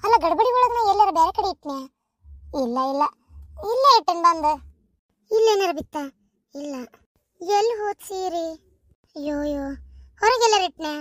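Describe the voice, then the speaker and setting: A woman plays a fretful young village wife in a cartoon, anxious and tearful, with a North Karnataka accent. The voice is very high and whiny, recorded close and dry. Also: expressive, normal speed, long pauses, no echo. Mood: fretting. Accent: North Karnataka Kannada. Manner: whining, worried, tearful.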